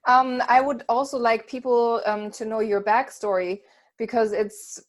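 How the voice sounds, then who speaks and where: A woman hosts a relaxed interview, asking questions and chiming in with agreement. Her voice sits a little high. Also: measured pace. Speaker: host. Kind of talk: casual interview.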